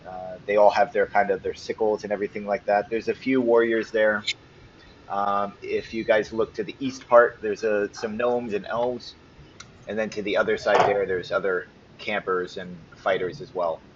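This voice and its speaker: A man narrating as game master for a tabletop game, relaxed with frequent ums. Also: on the low side, moderate pace. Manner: casual, lots of ums and restarts. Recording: slightly muffled with faint noise.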